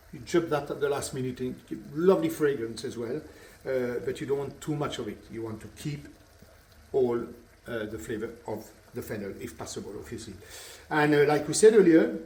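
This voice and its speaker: French-accented chef demonstrating a dish. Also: male voice, mid-range voice, slight background noise. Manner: chatty, repeats words, relaxed explaining. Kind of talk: cooking demonstration. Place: kitchen at the stove. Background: sizzling frying pan.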